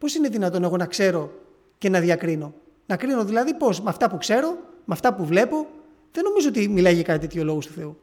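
A man preaching, retelling a story in an earnest, halting way with frequent restarts. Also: high-pitched, very animated, darkish tone. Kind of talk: sermon testimony.

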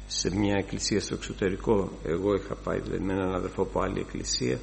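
An older man preaching a sermon, fervent, his voice rising to loud exclamations. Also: deep voice, level tone, gravelly, slight background noise.

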